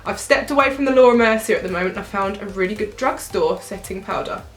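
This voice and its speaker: A woman's voice: mid-range voice, fast talker, echoey room, soft background music. A young woman vlogger chatting casually and cheerfully through a makeup tutorial, with giggly asides. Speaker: beauty vlogger.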